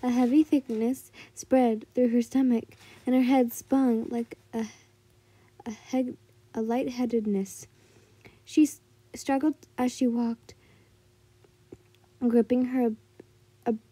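Amateur female story narrator, high and very mellow, halting delivery with frequent stumbles. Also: fairly even intonation, slightly rough, no echo. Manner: halting, stumbles over words and corrects herself.

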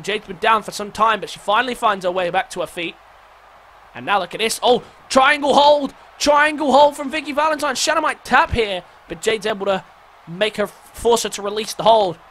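A man giving excitable play-by-play commentary on a wrestling match, rising to shouts at the big moves. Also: sits high, slight background noise.

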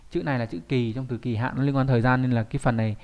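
A man's voice: mid-range voice, steady tone, rapid-fire, a little mellow. A man with a mid-range voice teaches kanji in a recorded online lesson. He talks in a loose, chatty way and keeps throwing in rhetorical questions and little tag questions.

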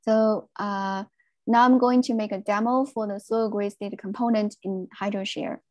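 A woman giving a technical presentation on a video call, speaking in a measured way with frequent fillers. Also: mid-range voice, fairly even intonation, a little mellow, dry recording.

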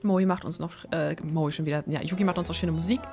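A woman casually commenting on a life-simulation game, chatty and amused with quick asides. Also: sits low, steady tone, darkish tone, soft background music. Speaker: let's play host.

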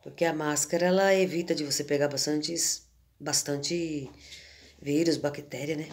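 Speaking to viewers from home on a phone held at arm's length, a Brazilian woman in her fifties with a cold talks in a hoarse, homely, devotional manner. Her low voice is a little mellow with fairly even intonation, and she speaks slowly, frequently using "né" and "gente."

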